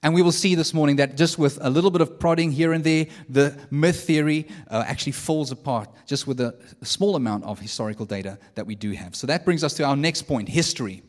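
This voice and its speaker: Male preacher with a slightly high voice, casual and conversational, in a church hall with long reverb. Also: brisk, few pauses. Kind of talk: sermon.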